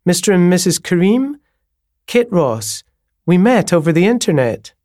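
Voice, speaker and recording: A man's voice: high voice, big pitch swings, moderate pace, mellow, no room sound, clean studio sound, pitched above the performer's own voice. A man voicing an eager, chatty landlady in her sixties whose voice lifts at the end of each sentence. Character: eager chatty woman landlady, sixty-ish. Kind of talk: audiobook character voice.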